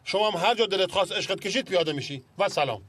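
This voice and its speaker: A man's voice: high-pitched, animated, a bit bright. A bossy, hot-tempered father. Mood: angry. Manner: irritable, lecturing, insistent. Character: pushy middle-aged father, quick-tempered. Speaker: actor playing a father. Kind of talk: film drama acting.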